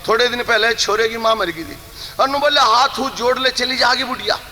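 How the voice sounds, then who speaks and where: This low-quality recording has a big-room sound and catches a very high-pitched man speaking a little fast. Animated, he tells a folk tale in the Haryanvi kissa style and preaches along the way, voicing characters and slipping into song for the refrains.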